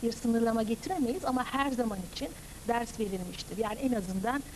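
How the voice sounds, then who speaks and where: A woman's voice: on the high side, slight background noise, rough recording. A woman in her fifties, an opera director and teacher, explaining at length in a studio TV interview on a lapel mic. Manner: measured, explanatory, lecturing.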